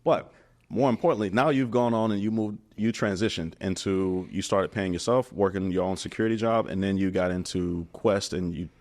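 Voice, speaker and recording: A podcast host speaks at a normal pace in a low, steady, slightly mellow voice. In this casual interview he comes across as earnest and reflective, addressing his guest as brother.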